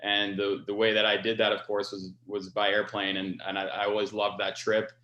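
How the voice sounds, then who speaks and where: A man's voice: fairly low pitch, monotone, normal speed, sharp tone, highs cut off. Earnest young man in an echoey room. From France. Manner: earnest, many uh fillers, grateful. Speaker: scholarship recipient, pilot. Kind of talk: interview answers.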